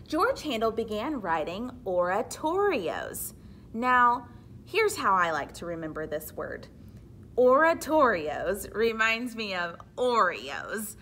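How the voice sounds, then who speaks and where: A woman with a medium-pitched voice reads a picture book aloud like a teacher, deliberately and expressively, pausing for explanatory asides to children. Slight background noise is present.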